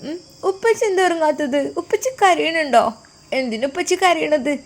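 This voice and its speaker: A small, tearful girl who begs for her father in a high, pleading voice, as a woman puts her on. The voice rises well above the storyteller's own and keeps a wistful ache through every line. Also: lively intonation, moderate pace. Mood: tender.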